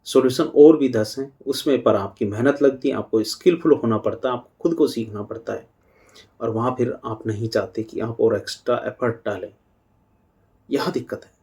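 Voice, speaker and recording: Middle-aged male spiritual teacher, unhurried talk, soft dark tone. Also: medium pitch. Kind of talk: devotional talk on parenting.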